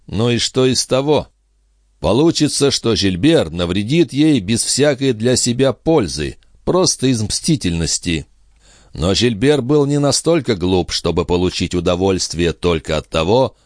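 A man narrating an audiobook with expressive, lively delivery. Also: lowish voice, no room sound, clean studio sound. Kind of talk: scripted narration.

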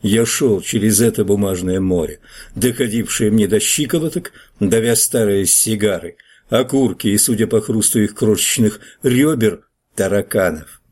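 A man's voice: fairly low pitch, normal speed, a little mellow. A man reading a first-person audiobook in a wry storytelling manner. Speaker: narrator. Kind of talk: audiobook narration.

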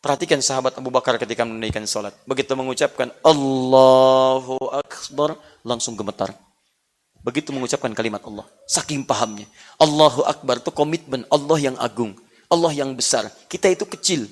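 A male preacher giving a sermon to a congregation. He jokes and laughs, repeats challenges to his listeners, and swings from hushed, slow passages to loud, high outbursts. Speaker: Islamic preacher.

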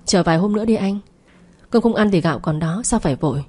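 A woman's voice: mid-range voice, animated, fast talker, a little mellow, natural voice. A woman voicing a scheming, pregnant young mistress who is snappish and bossy on the phone in an audio story.

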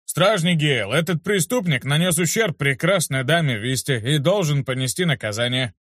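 A man's voice: a little high, lively intonation, normal speed, a bit bright, dry recording, studio quality, voice pushed up. A man voicing a boastful teenage warrior who bullies a newcomer, in a blustering, demanding manner. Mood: smug. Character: boastful teen warrior bullying a newbie.

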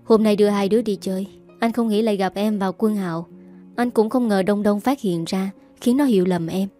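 A woman's voice: medium pitch, brisk, warm tone, soft background music, close to an everyday voice. A woman voicing a stern, reserved young father in a spoken story, firm and clipped. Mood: calm.

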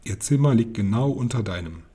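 A man reading aloud, voicing a kindly old grandmother who speaks gently and lovingly. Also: mid-range voice, animated, brisk, slightly rough. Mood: eager.

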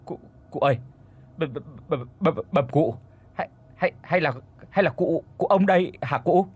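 A man's voice: a little high, normal speed, slightly rough. A man voicing a young male servant boy who stutters badly. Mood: scared. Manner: heavy stutter.

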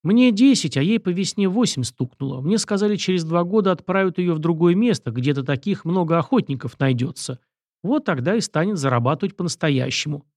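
A man's voice: high-pitched, lively intonation, fairly quick, dry recording, clean studio sound, voice pushed up. A man doing a pleading ten-year-old street boy. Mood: earnest. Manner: pleading, tearful, rustic speech.

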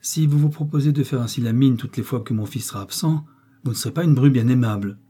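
A man's voice: mid-range voice, moderate pace, dark tone, slightly rough, lightly acted. A man voicing a harsh, bitter older peasant mother-in-law who scolds in a raised voice in an audiobook. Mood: spiteful. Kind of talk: audiobook reading.

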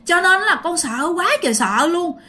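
A woman's voice: animated, moderate pace, bright, forceful tone, heavily acted. A woman voicing a terrified young girl describing a ghost. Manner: frightened, breathless and high-pitched.

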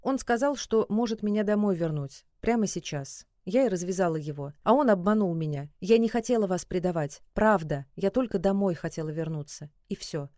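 A woman's voice: fairly low pitch, animated, fairly quick, hardly any pauses, mellow, no room sound, studio quality, close to an everyday voice. Sasha, a defiant lost young girl, read by a woman. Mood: pleading. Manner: frightened, then sharply defiant. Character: stubborn young woman lost far from home.

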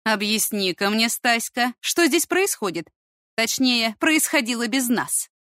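A stern middle-aged mother who runs a school , voiced by a woman reading aloud. She snaps and demands answers in a raised, high, forceful voice. The sound is dry and close, with no room around it. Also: animated, brisk, no room sound. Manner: sharp demanding outbursts.

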